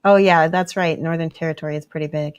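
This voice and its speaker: A woman's voice: deep voice, steady tone, fast, slight background noise. A woman chatting casually while she paints miniatures on a livestream. She laughs often and often restarts her words.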